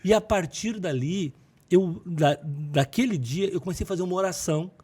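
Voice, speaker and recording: A man's voice: sits high, moderate pace, warm tone, husky. A middle-aged man, a pastor giving an earnest testimony in a podcast interview, acting out the dialogue as he tells it. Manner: earnest storytelling, acts out dialogue.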